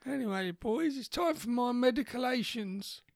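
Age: 80s. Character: doddery forgetful old war-veteran grandad, put on by a man. Delivery: confused, slow, quavering questions. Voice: high and thin. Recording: dry. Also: expressive, vocal fry, no echo, exaggerated voice. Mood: befuddled.

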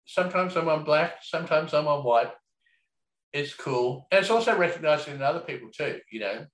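A man's voice: fairly high pitch, animated, brisk, a bit bright. A man talking casually and reflectively, rambling with lots of fillers and the odd swear word. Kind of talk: casual conversation. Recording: echoey room.

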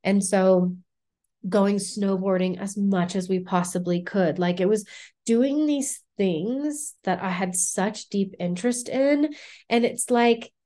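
A woman's voice: medium pitch, darkish tone. Earnest reflective woman podcast guest. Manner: earnest and reflective, many "like" fillers. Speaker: guest, courage coach. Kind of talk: casual podcast interview.

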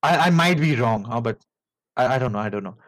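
A man with an Indian accent hosting a casual podcast, telling a story in a rambling, halting way with many fillers and restarts. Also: mid-range voice, expressive, poor audio. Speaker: podcast host.

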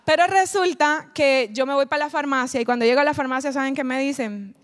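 A woman, animated as she tells a personal testimony and speaks straight to her audience. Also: high voice, a little fast, a little hiss or hum. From Colombia. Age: adult, mother of a child. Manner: animated storytelling, addresses the audience directly. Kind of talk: emotional personal testimony talk.

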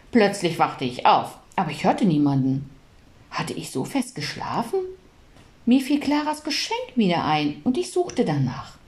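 A woman reading a children's storybook aloud in a lively, expressive way. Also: lowish voice, slow pace. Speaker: audiobook reader.

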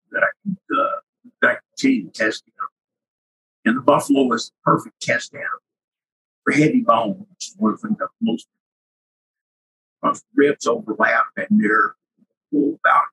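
An older man with a cracking, husky voice and sinus trouble, reminiscing casually and haltingly as an interview guest. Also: mid-range voice, sharp tone, rough recording. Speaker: interview guest, retired researcher.

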